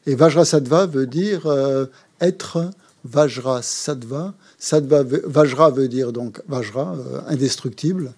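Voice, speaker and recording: Male Buddhist teacher, mellow voice, halting course delivery. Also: medium pitch, husky. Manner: hesitant, frequent fillers and repeated words. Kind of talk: explaining a mantra in a course.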